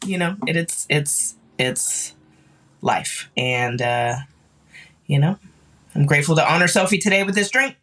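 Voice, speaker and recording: Grieving woman guest, halting and teary, bright voice. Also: sits low, expressive. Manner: tearful, halting, many restarts. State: grieving, cried off and on. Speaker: podcast guest. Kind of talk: casual chat.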